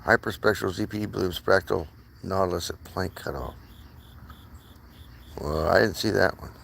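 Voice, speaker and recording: A man's voice: low-pitched, normal speed, vocal fry, a bit bright, a little hiss or hum. A man live streaming from his phone outdoors at night, chatting to viewers in a rambling way and laughing often.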